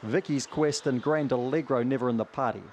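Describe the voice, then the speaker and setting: A man's voice: mid-range voice, a little fast, darkish tone, slight background noise. A man with a broad New Zealand accent giving live greyhound race commentary in a clipped running call of positions.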